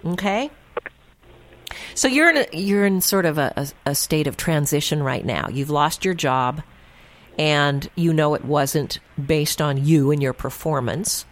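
A low-pitched woman hosts a call-in advice show on the radio. She talks in a chatty, reassuring way with plenty of fillers. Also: unhurried.

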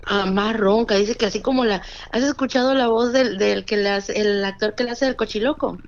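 This woman, speaking with a Mexican Spanish accent, shares a true scary story conversationally, performing the voices of the people in it through quoted dialogue. She has a mid-range voice at a moderate pace, in a muffled recording.

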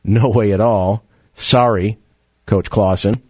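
A man's voice: lowish voice, fairly even intonation, slow pace, slightly rough, dry recording. A man hosting sports talk radio, chatting through a monologue and an ad read with wry asides. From Rochester, New York area. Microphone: studio mic.

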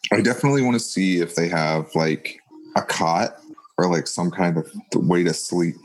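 A man with a very low voice, playing a tabletop game. He talks loosely and hesitantly, with fillers as he searches for words. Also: normal speed, slight background noise, rough recording. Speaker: player.

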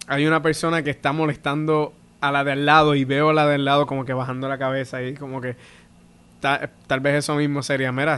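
Bright-voiced Puerto Rican comedian. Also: male voice, mid-range voice, clear, resonant tone. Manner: animated storyteller acting out quoted voices. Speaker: stand-up comedian, guest. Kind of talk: casual podcast chat.

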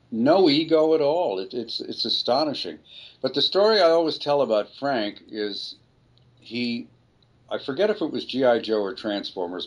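An older man, a voice actor, telling a rambling, relaxed story in an interview. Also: mid-range voice. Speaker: voice actor guest. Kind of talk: anecdotal storytelling.

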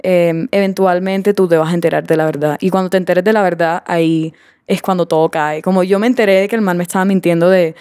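A young woman with a Colombian accent, a podcast guest chatting casually and telling stories, acting out other people's lines in higher voices. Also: quick pace, clear, resonant tone, dry recording, clean studio sound. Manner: animated, acts out quotes in higher voices, laughs often. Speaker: podcast guest, emerging artist. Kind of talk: casual chat, storytelling.

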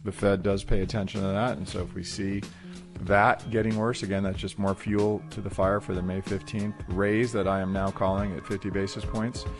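A man's voice: deep voice, flat delivery, normal speed, music in the background. A man hosting a financial radio segment, explaining conversationally and answering his own questions. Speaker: financial radio show host. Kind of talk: market commentary.

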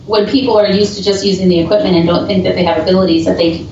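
A woman's voice: on the low side, fairly even intonation, racing, a little mellow, a little hiss or hum. A woman, a paranormal investigator, telling stories in a casual chat over a video call. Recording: echoey, distant, dull remote audio.

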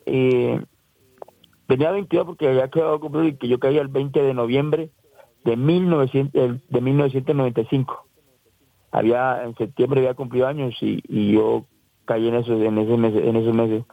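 A man with a Colombian Caribbean coast accent recounts his own story, circling back and restarting his sentences. His voice is gravelly and breathy. The sound is dry and thin, like a phone call. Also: mid-range voice, fairly even intonation, moderate pace, dry recording. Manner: rambling, repeats and restarts, acts out quoted voices. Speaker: interviewee. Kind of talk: emotional first-person account. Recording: dry, tinny phone-like line.

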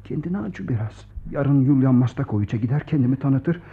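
An actor playing a steady male friend in a radio play, scolding firmly and then soothing in a hushed voice. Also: mid-range voice, moderate pace, lightly acted. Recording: dull lo-fi old radio recording.

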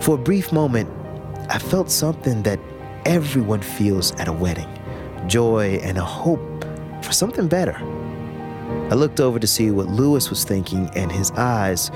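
Low-voiced man telling a story over music. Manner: reflective and expressive, with dramatic pauses. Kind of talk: first-person storytelling narration. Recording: music bed under the voice.

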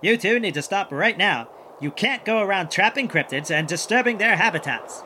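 A man's voice: sits high, normal speed, background noise. A man playing a plucky, kindhearted, wisecracking monster hunter who narrates and acts in a children's audio adventure with folksy exclamations. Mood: indignant. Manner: folksy exclamations, animated chatter to sidekick.

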